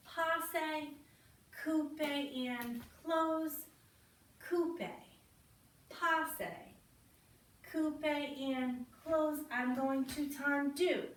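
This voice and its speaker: A woman teaching a children's ballet class, slowly naming and counting the steps as she demonstrates them. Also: fairly high pitch. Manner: slow, encouraging, counts and names steps while demonstrating. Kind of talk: online kids' ballet class instruction. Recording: roomy, from a distance, faint noise.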